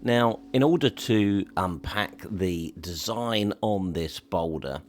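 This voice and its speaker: A man doing a relaxed studio voiceover in a husky, slightly dreamy voice. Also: fairly low pitch, takes it slowly, a little hiss or hum. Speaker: video host. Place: home studio.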